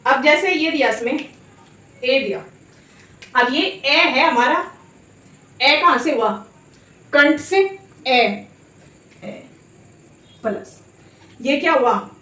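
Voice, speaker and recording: A woman teaching a Hindi lesson, repeating vowel sounds aloud and asking her students quick checking questions. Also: sits high, expressive, bright, forceful tone, reverberant. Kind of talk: classroom lesson on vowel articulation.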